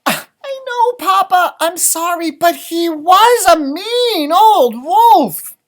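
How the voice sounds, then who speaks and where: A little red hen chick from a storybook, acted out by a man, very high and swooping in pitch. She is eager and earnest, always urgent, with a slow, drawn-out delivery. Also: animated, a bit bright, heavily acted. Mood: apologetic, insistent. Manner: bursts into urgent high shrieks and earnest pleading. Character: excitable little young female chicken, eager, interrupting.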